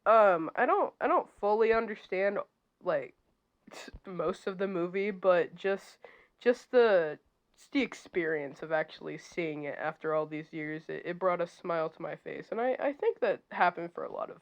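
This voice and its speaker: A woman's voice: lowish voice, animated. Nasal woman with a head cold. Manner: rambling, halting, drops to near-whispers. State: stuffy nose from a cold. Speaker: digital artist. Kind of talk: casual chat while drawing.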